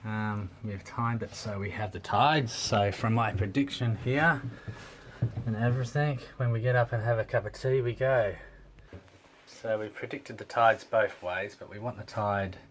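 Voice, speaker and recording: A man's voice: fairly low pitch, fairly even intonation, a little slow, slight background noise. A man in his forties, a sailing vlogger, casually explaining plans to a camera held close. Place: small dim boat cabin.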